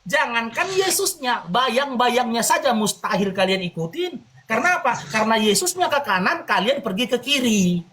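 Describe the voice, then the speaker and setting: A woman hosting a live-streamed religious debate, talking in forceful, rhetorical bursts of repeated contrasts. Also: on the high side, big pitch swings, normal speed, slight background noise.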